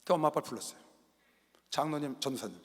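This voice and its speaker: A male pastor preaching a sermon and telling a story dramatically, dropping to hushed whispers and rising to loud cries. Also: a little high, lively intonation, rapid-fire. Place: large indoor sports arena used for worship. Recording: long reverb of a big arena hall.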